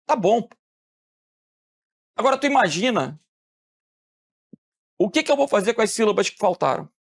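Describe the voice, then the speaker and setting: A man from Rio de teaching a lively classroom lecture, asking the students questions and answering them himself. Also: sits high, normal speed. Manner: animated, asks questions and answers them, acts out phone calls.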